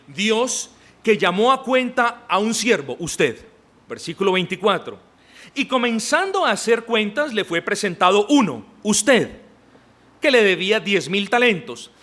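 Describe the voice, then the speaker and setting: A man preaching in a church, his fairly high voice rising and falling widely. He speaks emphatically and turns often to his listeners, telling them what each part means for them. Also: a bit bright. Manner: emphatic, addresses the congregation directly. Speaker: pastor. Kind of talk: sermon.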